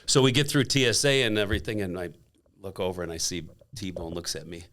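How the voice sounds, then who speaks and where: A man in his fifties, a podcast guest, telling a story in a casual, animated way and acting out the quotes. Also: deep voice, fairly quick. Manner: animated, acts out quotes with laughs.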